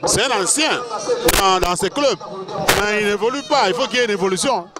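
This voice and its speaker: Emphatic high-voiced Congolese wrestling commentator, a man. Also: lively intonation, brisk. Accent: Congolese French. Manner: emphatic, repeats words and phrases. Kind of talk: live commentary, casual banter with a co-commentator. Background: loud music.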